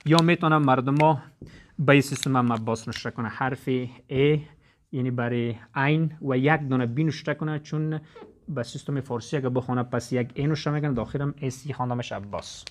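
A man teaching a lesson, explaining step by step and repeating each point. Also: mid-range voice. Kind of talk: classroom lesson.

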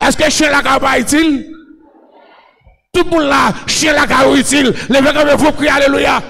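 A man with a Haitian accent preaching a shouted sermon, chanting and repeating a refrain over and over. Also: extremely high pitch, fairly even intonation, moderate pace, creaky, a little hiss or hum. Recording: long echoing reverb.

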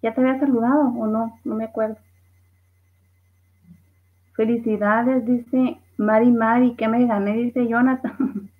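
Reading out viewer comments and laughing with them, this livestream host speaks in a fairly high, flat voice. She's unhurried and pauses often, and the stream sounds tinny and phone-like.

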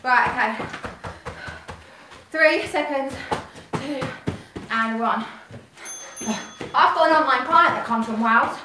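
A young British woman coaching a live home workout in an upbeat, encouraging way, quick to laugh. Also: high voice. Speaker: fitness trainer. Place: echoey room at home. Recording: echoey room, distant mic, faint hiss.

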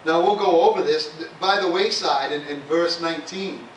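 A man preaching in a church with a slightly high voice and a loose, conversational delivery, often punctuated with "amen" and "hallelujah." The sound is picked up from a distance in a roomy sanctuary, with a faint hiss underneath. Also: moderate pace. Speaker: pastor. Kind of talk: sermon. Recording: echoey church room, voice from far off, faint hiss.

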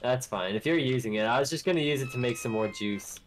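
Young adult male gamer, average pitch, easygoing, plainspoken. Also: fast, slight background noise. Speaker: gamer on voice chat. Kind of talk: casual gaming chat.

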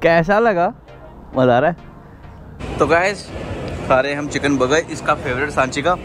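Teasing high-voiced young man vlogging outdoors. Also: measured pace, over music. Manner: teasing, laughs often. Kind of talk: casual vlog chat. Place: outdoors in a park. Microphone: action camera.

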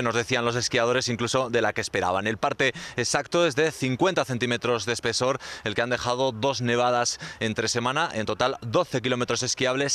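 A man's voice: mid-range voice, a bit bright. Man reporting live from ski slopes. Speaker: field reporter. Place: outdoors at a snowy ski resort. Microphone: handheld mic.

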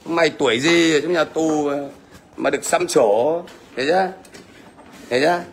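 Middle-aged northern vietnamese guy ranting on a livestream, scolding and blunt, slightly high voice, some faint noise. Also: normal speed. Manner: blunt, scolding, repeats "thấy chưa?".

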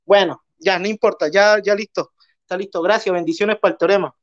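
A man's voice: high-pitched, steady tone, fairly quick. A man in an online debate, mocking and scolding, firing rhetorical questions. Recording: dull lo-fi call audio.

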